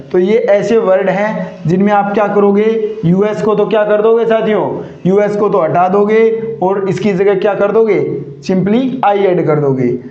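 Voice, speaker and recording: A man's voice: high voice, warm tone. A male teacher giving a grammar lesson, constantly asking questions and repeating the answers. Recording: echoey room, dull lo-fi sound.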